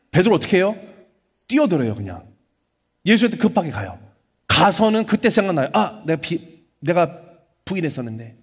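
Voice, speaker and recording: Pastor, male, high voice, dramatic preacher, church hall reverb. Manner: dramatic, acts out biblical figures; asks the congregation questions. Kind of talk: sermon. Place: church sanctuary.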